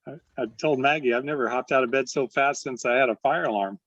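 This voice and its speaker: Husky man greeting members on a video call. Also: medium pitch, fast talker, fairly bright tone, no echo. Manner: chatty, greets members by name, laughs often. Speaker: club president hosting a video meeting. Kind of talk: casual chat. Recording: dull lo-fi video call audio.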